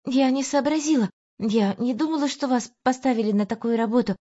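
A woman voicing an eager, earnest young woman who speaks in a lively, raised voice. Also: a little high, brisk, pitched above the performer's own voice, lightly acted. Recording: dull lo-fi audio.

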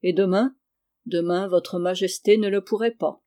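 An arrogant count in full armor from an audiobook, calm and quietly threatening, voiced by a reader. His words are measured and unhurried, in a dark, mellow tone. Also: mid-range voice, natural voice. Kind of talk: audiobook character reading.

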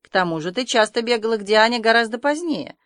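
A woman's voice: on the high side, animated, fast, no echo, natural voice. A stern, dry older spinster, as a woman reader puts her on gives short, ironic rebukes. She sounds curt and matter-of-fact. The sound is close and dry. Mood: brisk.

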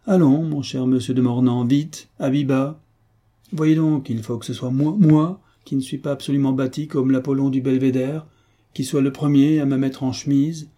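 A man voicing a jovial, mocking hunchbacked marquis in an audiobook reading, with a husky voice and a teasing, theatrical manner. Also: mid-range voice, steady tone, normal speed, warm tone, voice pushed up, lightly acted.

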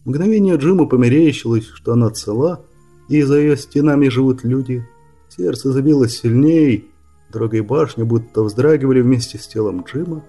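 A man narrating a fantasy audiobook in a steady, measured read, his voice husky. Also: medium pitch, soft background music. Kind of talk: scripted narration.

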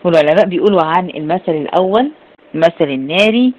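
Animated Egyptian woman teaching scripture. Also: on the low side, fast, muffled recording. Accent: Egyptian Arabic. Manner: animated, acts out quoted speakers. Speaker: Quran exegesis teacher. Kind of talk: religious lecture.

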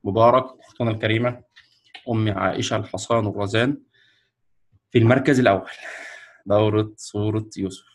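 Egyptian man, lowish voice, hosts an online award ceremony, halting delivery full of fillers. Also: steady tone. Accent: Egyptian Arabic. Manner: slow, hesitant, many fillers and restarts. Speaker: ceremony host announcing winners. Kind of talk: ceremony announcement. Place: online video call presenting a screen.

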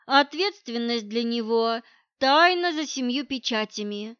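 A woman's voice: a little high, measured pace, a bit bright, smooth, dry recording, dull audio. A woman reading an audiobook voices a cold, scornful middle-aged wife who talks down to her rival in curt, dismissive lines. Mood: cutting.

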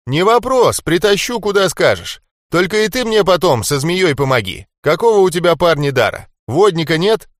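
A man reading an audiobook, voicing a cocky, swearing male fighter who taunts and laughs loudly. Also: high-pitched, very animated, moderate pace, few pauses, no room sound, studio quality, voice pushed up. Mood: brash. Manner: loud, jeering, laughing taunts. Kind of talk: audiobook character voice.

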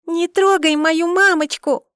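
Little girl, squeaky, shrill, bold, naive, audiobook, dry sound. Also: fairly even intonation, measured pace, dry recording. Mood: calling out. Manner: squeaky, shouting childish voice.

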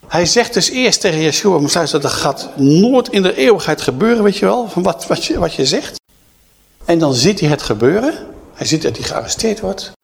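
Creaky-voiced male preacher telling a story. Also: sits high, very animated, normal speed. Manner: conversational storytelling with frequent tag questions. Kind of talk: sermon retelling a Bible story.

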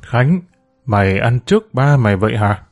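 A man voicing a calm, sharp-tongued middle-aged wife and mother in a spoken storybook. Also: mid-range voice, normal speed, dry recording, studio quality, faint music behind. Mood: scolding. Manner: calm, curt.

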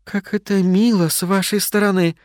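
A man voicing a small, kind old woman in a storybook reading, speaking gently and softly. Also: on the high side, a little slow, no echo, studio quality. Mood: gentle. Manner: gentle, soft-spoken. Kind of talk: audiobook storytelling.

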